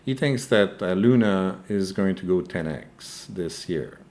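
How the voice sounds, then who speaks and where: A native French speaker with a French accent hosts a live crypto news stream, answering viewer questions hesitantly with frequent "uh"s and a repeated tag "okay?". His low voice is a little mellow, lively in intonation and unhurried, with slight hiss or hum.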